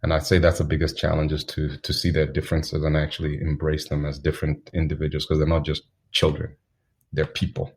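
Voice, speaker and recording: A man from Zambia, a guest telling stories in a relaxed interview, unhurried and anecdotal, chuckling now and then. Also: extremely low pitch. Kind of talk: reflective storytelling in an interview.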